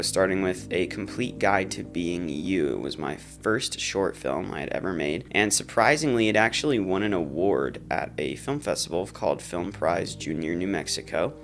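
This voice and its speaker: Low-voiced earnest teenage guy vlogging. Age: teens. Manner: earnest, determined. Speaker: aspiring filmmaker. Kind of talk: casual vlog monologue.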